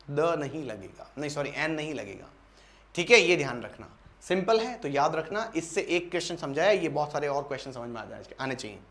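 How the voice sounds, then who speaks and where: A man's voice: sits high, a bit bright. A young Indian man teaching an exam-prep English lesson. He repeats each point and keeps asking the class rhetorical questions.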